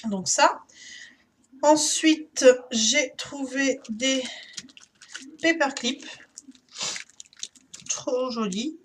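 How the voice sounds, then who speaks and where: A woman's voice: sits high, extremely slow, pauses often, fairly bright tone, slight background noise. A woman chatting casually through a shopping haul, hesitant and full of fillers. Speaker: YouTuber.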